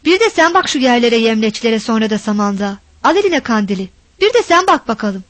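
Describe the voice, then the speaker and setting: A woman voicing a rough, quick-tempered village husband who curses and defends himself, read aloud from a storybook. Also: a little high, sing-song, no room sound. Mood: urgent. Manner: gruff, cursing, defensive. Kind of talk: storybook reading.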